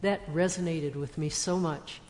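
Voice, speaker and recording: A woman's voice: fairly low pitch, normal speed, darkish tone, big-room sound, slight background noise. A woman board member adding a point in a meeting, speaking with emphasis. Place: meeting room.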